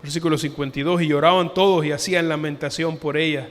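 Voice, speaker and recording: A man preaching a sermon as pastor, earnest, lifting his voice for emphasis and dropping it softly for quoted words. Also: on the high side, steady tone, fast talker. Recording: long hall reverb.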